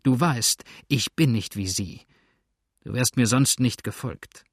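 A man's voice: mid-range voice, slow pace, no room sound, clean studio sound. Man reading a commanding sea captain. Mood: persuasive. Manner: persuasive, commanding. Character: commanding male captain, persuasive and calm.

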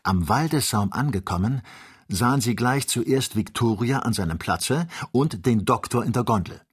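A man reading an audiobook, narrating with steady, vivid storytelling. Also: medium pitch, moderate pace, breathy edge. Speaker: audiobook reader. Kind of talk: scripted narration.

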